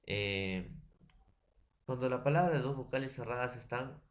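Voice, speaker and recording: A man's voice: medium pitch, normal speed. Peruvian man teaching a school grammar lesson. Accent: Peruvian Spanish. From Peru. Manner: keeps addressing a "profesor" and "jóvenes", spells out syllables, many tag questions. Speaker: secondary school language teacher. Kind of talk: recorded classroom lesson.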